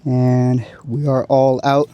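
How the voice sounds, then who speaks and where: Hoarse roofer narrating a repair. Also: male voice, medium pitch, level tone, slow pace, muffled recording, noisy background. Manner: careful, explaining each step. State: hoarse, losing his voice. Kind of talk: on-site repair walkthrough. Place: on a rooftop outdoors.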